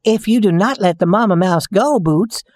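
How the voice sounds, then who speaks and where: A man doing a gentle rag doll girl. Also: high-pitched, normal speed, dry recording, voice pushed up, natural voice. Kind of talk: storybook reading.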